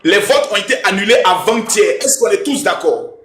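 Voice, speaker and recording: High-voiced, emphatic male live-stream host. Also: lively intonation, moderate pace, reverberant, faint music behind. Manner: emphatic, loud calls to viewers, repeats chants. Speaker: livestream host. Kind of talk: hyped live-stream talk.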